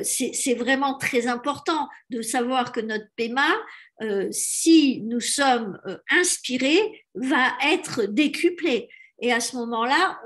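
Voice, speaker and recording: A woman from France giving a spiritual coaching talk as a life coach, with many fillers and self-corrections. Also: a little high.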